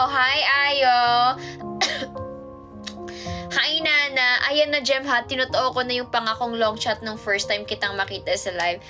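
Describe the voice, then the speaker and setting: A young woman from the Philippines speaks in a high voice as she hosts a casual livestream. She reads viewer comments aloud and answers each one playfully. Music plays clearly behind her. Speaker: idol livestreamer reading fan comments. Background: music playing in the background.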